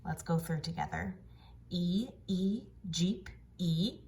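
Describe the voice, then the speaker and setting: A woman teaching a phonics lesson to children, sounding out letters and words in slow, drawn-out drills. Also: fairly low pitch, vocal fry, darkish tone.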